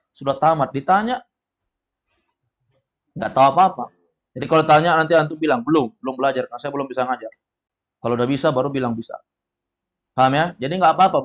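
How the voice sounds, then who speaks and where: A man teaching an Arabic class in a casual, patient way, reassuring his students and slowly modeling pronunciation. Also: fairly high pitch.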